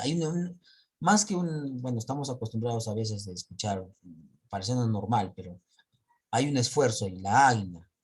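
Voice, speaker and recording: Man, teacher, husky voice, step-by-step grammar explanation, online class. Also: lowish voice, darkish tone. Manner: explains step by step, checks with students.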